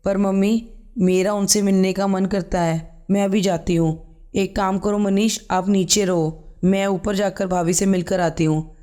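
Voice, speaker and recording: Casting: man doing a caring young daughter, earnest and high-voiced, storybook. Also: level tone, unhurried, mellow. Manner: earnest, pleading. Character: caring young married daughter, warm and urgent.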